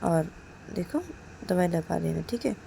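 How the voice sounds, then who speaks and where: A woman's voice: on the low side, unhurried, vocal fry, mellow, slight background noise. A woman voicing a caring young woman who pleads and coaxes her partner over and over. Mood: pleading coaxing. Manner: pleading, coaxing, repeating "please".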